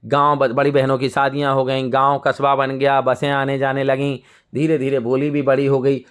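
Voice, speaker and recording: A young adult male teacher, retelling a lesson story in a lively, conversational way and acting out the characters. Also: medium pitch, moderate pace, clean tone.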